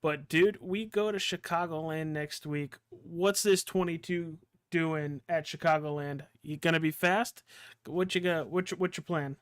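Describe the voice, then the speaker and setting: Easygoing race broadcaster, higher voice. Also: male voice, steady tone, measured pace, smooth, dry recording, clean studio sound. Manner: casual, friendly, calls drivers pal and dude. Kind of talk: post-race interview hosting.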